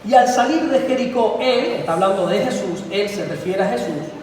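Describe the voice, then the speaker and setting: A man preaching in a high, bright voice, heard from some distance across a large hall. His words ring with a long echo, and a faint hum sits underneath. He preaches with animated energy and lifts his voice when he acts out cries. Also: normal speed. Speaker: pastor. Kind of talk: sermon. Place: church hall. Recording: echoey church hall from far off, faint background noise.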